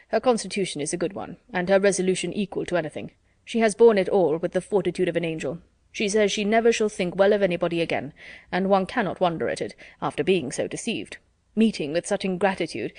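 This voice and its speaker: A woman voicing a pompous, self-satisfied middle-aged gentleman in a storybook reading, measured and formal. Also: fairly low pitch, no echo, studio quality, lightly acted.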